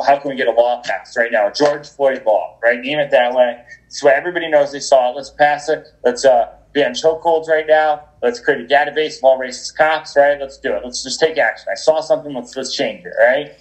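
A man with a medium-pitched voice appears as a podcast guest over a remote call, and the recording is rough. His energetic, conversational interview rambles with many restarts and fillers.

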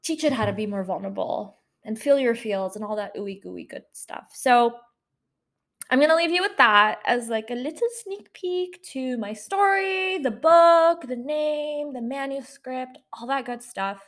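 A woman's voice: high-pitched, expressive, a little slow, a bit bright. A woman in her twenties hosting her own podcast, talking in an emotional, effusive way, swearing casually and getting teary. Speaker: podcast host. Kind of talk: personal podcast monologue. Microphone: handheld microphone.

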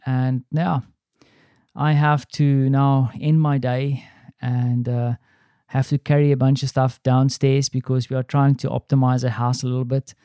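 A man's voice: mid-range voice, flat delivery, unhurried, dark tone, smooth, no echo, studio quality. A South African man, a father and podcast host, talking through his day in a rambling, reflective way with many ums and restarts. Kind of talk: casual spoken diary. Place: apartment.

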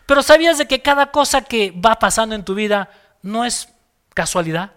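A man's voice: high-pitched, lively intonation, moderate pace, a bit bright, smooth. A man preaching a sermon as pastor, emphatic and acting out little dialogues.

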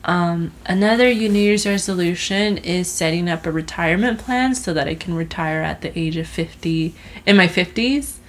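In a casual chat, a woman in her twenties with a lowish voice talks at normal speed about her resolutions. She tells a story and fills it with fillers and restarts.

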